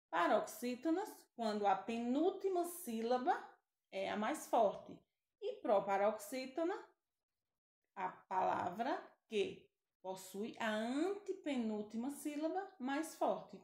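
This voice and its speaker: A Brazilian woman teacher giving a grammar lesson, speaking slowly and stretching out example words, often checking in with the class. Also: on the high side, darkish tone, reverberant. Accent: Brazilian Portuguese.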